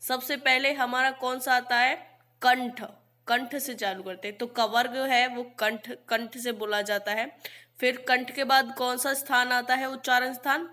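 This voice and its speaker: A woman teaching a grammar lesson. She recites letters one by one, slowly and distinctly, and asks questions that she answers herself. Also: high voice, steady tone, pushed and bright.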